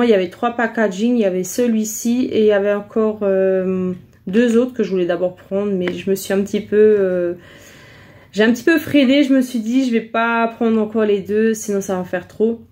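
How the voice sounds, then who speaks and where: A woman's voice: mid-range voice, a little mellow. A woman chatting casually through a shopping haul vlog, hesitant and full of fillers. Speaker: vlogger showing a shopping haul.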